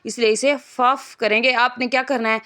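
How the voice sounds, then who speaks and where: A woman's voice: a little high, fairly even intonation, bright, forceful tone, smooth. A woman teaching a Quran reading lesson in speech, drawing out letters and vowel marks one by one, then explaining patiently. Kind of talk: spelling out syllables in a reading lesson.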